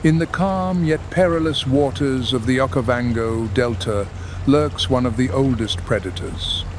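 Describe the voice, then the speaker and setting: A man narrating a scripted nature documentary in a measured, dramatic delivery. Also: medium pitch, slight background noise. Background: background music.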